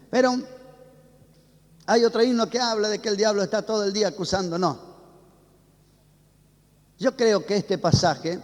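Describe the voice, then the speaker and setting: High-voiced pastor preaching in a hall. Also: male voice. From Argentina. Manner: preaching with call-and-response questions. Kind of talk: sermon.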